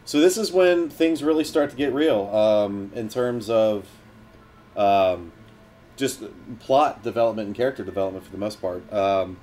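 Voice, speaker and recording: Man, commentary host, chatty, hesitant, ordinary middle pitch. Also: darkish tone. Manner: chatty, hesitant with many ums. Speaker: podcast host. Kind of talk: casual movie commentary.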